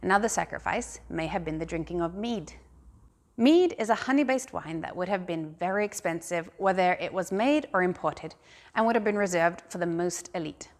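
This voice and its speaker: A woman giving a scripted guided tour as a museum guide, explaining things in a calm, measured way. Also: fairly low pitch.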